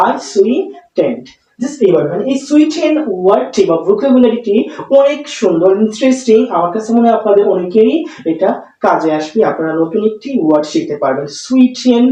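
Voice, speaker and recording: A teacher giving a spoken English lesson, explaining slowly and repeating words, recorded from a distance. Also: medium pitch, mellow. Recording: echoey room, far from mic.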